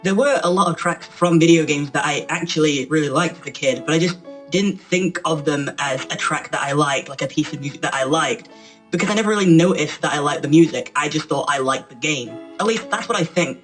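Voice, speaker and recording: A man's voice: a little high, fairly quick, a bit bright, soft background music, voice pushed up, low-quality recording. A man voicing a little male mascot presenter through a voice changer, talking in a chatty, rambling way. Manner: chatty, rambling, self-correcting. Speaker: channel presenter. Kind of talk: casual talk to camera.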